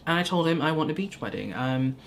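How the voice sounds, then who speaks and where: A man's voice: on the high side, animated, quick pace, a little hiss or hum. A young man from Hong Kong, chatting casually with viewers while doing his makeup, with lots of ums and likes. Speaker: beauty vlogger. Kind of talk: casual get-ready-with-me chat. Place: small indoor studio corner.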